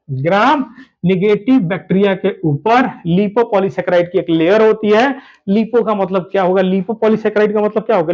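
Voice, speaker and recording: A man's voice: high voice, a little mellow. A man teaching biology who repeats his key points and keeps urging his students to listen closely. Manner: repetitive, calls students "babu", urges them to listen closely. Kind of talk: explaining a lesson at a whiteboard. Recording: dull lo-fi recording.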